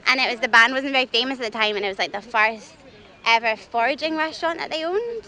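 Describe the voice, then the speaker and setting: A chatty, expressive woman from the west of Ireland, talking casually as she is interviewed. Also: on the high side, quick pace. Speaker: passer-by being interviewed. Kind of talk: casual chat. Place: outdoors in a city park.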